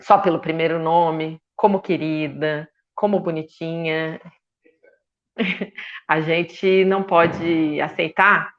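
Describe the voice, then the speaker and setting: A woman's voice: deep voice, steady tone, slow pace. Woman, 50s, Brazilian accent, passionate panel guest, repeats words for emphasis, somewhat dull audio. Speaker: feminist union leader, panel guest. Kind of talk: impassioned panel discussion.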